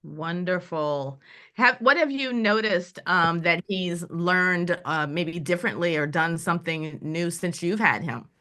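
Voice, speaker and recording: A woman's voice: fairly low pitch, measured pace, pushed and bright. A woman hosting a virtual dog adoption event, asking fosters questions in a friendly, upbeat way over a video call. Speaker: event host.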